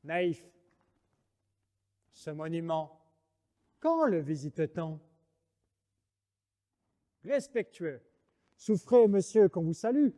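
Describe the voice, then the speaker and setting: A man's voice: on the high side, big pitch swings, slow pace, pauses often, dark tone. An actor playing a proud, mocking swordsman poet in a French verse monologue, declaiming like a hammy stage actor. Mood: playful grandiose. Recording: reverberant hall sound.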